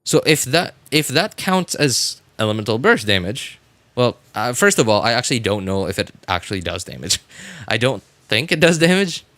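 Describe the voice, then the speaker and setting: Theorycrafting a game on stream, a man chats casually, hesitating as he thinks aloud and frequently repeating himself. His mid-range voice swings widely in pitch at a moderate pace, sounding a bit bright with no echo.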